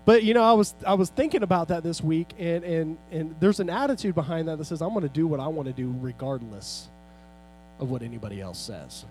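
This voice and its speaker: A middle-aged man preaching a sermon as pastor in a church, building to loud, fervent peaks and then dropping low and soft. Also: fairly quick, faint music behind. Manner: preaching with rising shouts and sudden soft drops. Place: church sanctuary.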